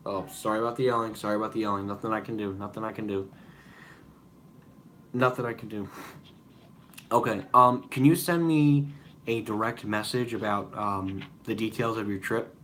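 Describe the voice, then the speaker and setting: A man's voice: on the low side, steady tone, moderate pace, pauses often, a bit bright, a little hiss or hum. A young man hosting a casual live-stream Q&A, rambling with many fillers and apologies. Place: room at home with noise behind.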